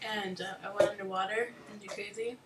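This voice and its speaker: A woman's voice: mid-range voice, fairly even intonation, fairly quick, distant mic, crowd noise. A teenage girl chatting playfully with a friend and teasing her, heard a little away from the microphone. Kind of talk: casual chat. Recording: echoey, set back from the mic.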